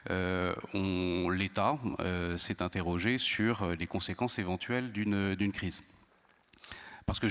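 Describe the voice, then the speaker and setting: Man, lowish voice, halting careful panel speaker, hall echo. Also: fairly bright tone. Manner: measured, many hesitations and restarts. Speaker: intelligence service panelist. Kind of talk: round-table talk. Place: conference hall. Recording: long hall reverb.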